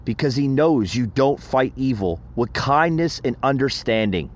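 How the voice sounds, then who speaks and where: A man hosts a solo political podcast, speaking emphatically and rousingly while addressing his listeners as "folks". His mid-range voice is animated and unhurried, though the audio sounds dull.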